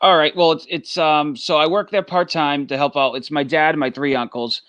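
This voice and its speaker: A young man from Massachusetts with a thick Boston accent chats easily as a guest on a video call, halting often with fillers. His voice is a little high, bright and smooth, with fairly even intonation and no echo.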